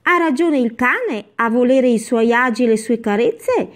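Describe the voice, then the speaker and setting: A woman playing a kind, patient grandmother who tells a fable and teaches gently. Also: fairly high pitch, expressive, unhurried. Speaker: storyteller. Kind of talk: web series doll sitcom acting.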